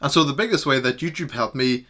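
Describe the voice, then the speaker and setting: A man's voice: mid-range voice, quick pace, bright, forceful tone. A young man talking earnestly to camera in a reflective self-improvement vlog.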